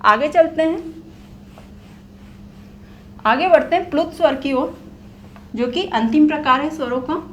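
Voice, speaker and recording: A young woman explains Hindi grammar in a whiteboard lesson, speaking a little slowly with long pauses in a high-sitting voice. She repeats key phrases and answers the questions she asks. Slight background noise can be heard.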